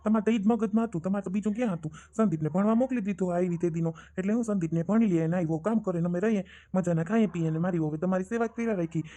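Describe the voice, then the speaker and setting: An exasperated grown son, played by a man, argues back at his mother in a Kathiawadi Gujarati accent. He talks fast in a slightly raised but mellow voice, sarcastic and indignant, in a family comedy skit. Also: sits high, natural voice. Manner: indignant, sarcastic, rapid arguing.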